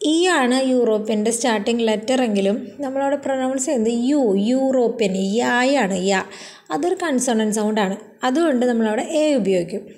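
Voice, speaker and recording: A woman's voice: fairly high pitch, fairly quick, darkish tone. Patient woman teaching grammar. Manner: patient, explains step by step with many examples; frequent fillers and tag questions. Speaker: exam coaching teacher. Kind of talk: English grammar lesson explained in Malayalam.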